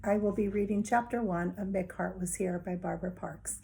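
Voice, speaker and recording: A woman's voice: medium pitch, fairly even intonation, a little fast, vocal fry, warm tone, slight background noise. A woman reading a children's novel aloud in a friendly, conversational way, talking straight to young listeners. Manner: conversational first-person storytelling. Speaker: children's book reader.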